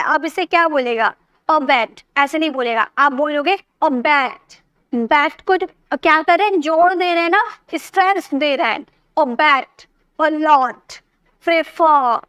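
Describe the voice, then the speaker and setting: A woman's voice: high-pitched, a bit bright, no room sound. A woman teaching a spoken English lesson, patiently repeating points and checking that learners follow.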